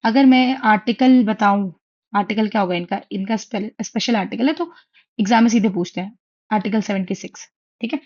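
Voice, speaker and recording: A woman's voice: medium pitch, quick pace, darkish tone, husky, lo-fi sound. A young woman teaching an online exam-prep lecture, chatty and reassuring, often checking in with her students. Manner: chatty, reassuring, asks "theek hai?" often. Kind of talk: online lecture in Hindi-English mix. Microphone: writing on a tablet while teaching.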